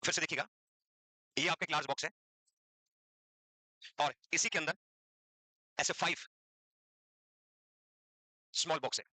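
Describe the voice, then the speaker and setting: A man's voice: on the high side, fairly even intonation, measured pace, pauses often, bright, forceful tone, dry recording, low-quality recording. A man teaching a classroom lecture for nursing exam students, mixing English terms into his Hindi, repeating key points and quizzing the class.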